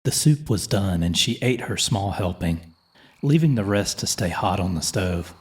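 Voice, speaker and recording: A man reading a folklore horror story as a slow, measured, solemn scripted narration. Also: sits low, animated. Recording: music playing under the voice.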